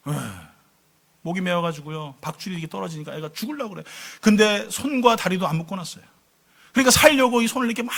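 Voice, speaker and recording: Animated preaching man, lively pitch. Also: vocal fry. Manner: animated, swings from loud exclamations to hushed low tones. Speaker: pastor. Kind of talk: sermon with dramatic storytelling. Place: church sanctuary.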